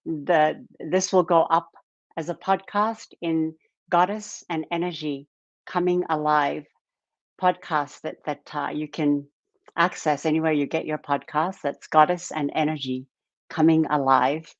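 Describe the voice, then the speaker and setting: A woman from Japan hosting a live-stream talk, speaking in an unhurried way with many fillers and repeated words. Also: deep voice, fairly even intonation, dry recording. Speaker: live stream podcast host. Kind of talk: slow casual live-stream introduction. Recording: dull lo-fi dry sound.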